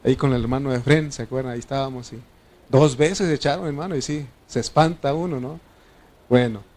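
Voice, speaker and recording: A man with a Mexican Spanish accent preaching a sermon as pastor, swinging between loud declarations and quiet asides to the congregation. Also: mid-range voice, brisk.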